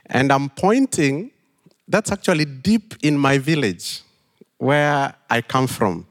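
A middle-aged pastor from western Kenya, with a Kenyan accent, telling a story in an unhurried sermon with thoughtful pauses. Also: male voice, mid-range voice, expressive. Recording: long hall reverb.

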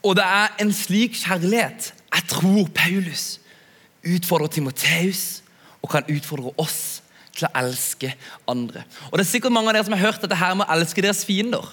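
A young man preaching to a youth audience in a relaxed, chatty way, often asking his listeners to agree. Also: sits high, slightly rough. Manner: chatty, asks "ikke sant?" often. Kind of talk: sermon. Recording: long hall reverb.

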